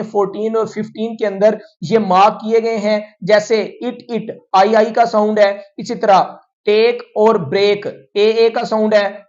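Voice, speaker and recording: A male English teacher going through a poem line by line, explaining each example in a steady, methodical way and slowing down for definitions. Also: high-pitched, lo-fi sound. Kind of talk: line-by-line poem analysis lesson.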